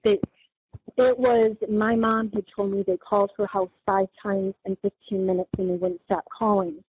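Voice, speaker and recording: A woman's voice: medium pitch, normal speed, husky, no echo. Middle-aged woman telling a story over a thin, dry line. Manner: lively retelling with many quoted exchanges and restarts. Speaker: guest telling of a scam call. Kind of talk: conversational storytelling. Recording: tinny phone-like line, dry.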